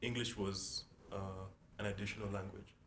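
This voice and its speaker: A man's voice: sits low, moderate pace. A young man from South Sudan, a musician, talking casually and rambling in an interview, full of "like" and "you know". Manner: relaxed, rambling, often restarts with "like" and "you know". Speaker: musician guest. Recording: echoey room with faint noise.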